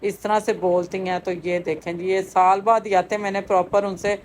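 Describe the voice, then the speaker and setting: A chatty woman, in her middle years, narrates a casual vlog. She talks at mid pitch and leans on fillers as she goes. Faint noise sits behind her voice. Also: little pitch movement. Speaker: vlogger.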